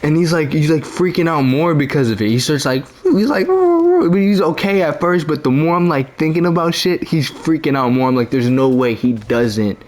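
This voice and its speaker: A young man telling a story casually into his own mic, rambling with lots of fillers, slang and profanity. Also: lowish voice. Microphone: own desk mic.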